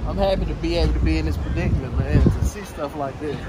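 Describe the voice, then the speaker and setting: A man's voice: a little high, quick pace, heavy background noise. Joking man on a cruise deck. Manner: laid-back, joking, slangy. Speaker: vlogger. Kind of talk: casual vlog chat. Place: outdoor cruise ship deck.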